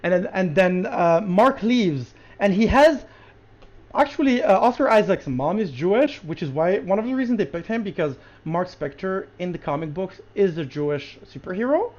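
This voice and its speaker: A podcast co-host reviewing a show in casual chat, excited and quick, with many restarts. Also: mid-range voice. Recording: lo-fi podcast audio.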